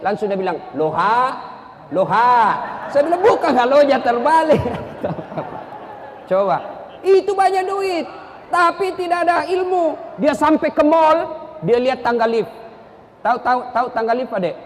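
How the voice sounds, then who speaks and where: A man's voice: very high-pitched, normal speed, a little hiss or hum. A middle-aged man, preaching a humorous sermon and acting out the people in his stories. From South Sulawesi, Indonesia. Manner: storytelling, acting out characters, lively jokes. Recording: echoey hall, long reverb.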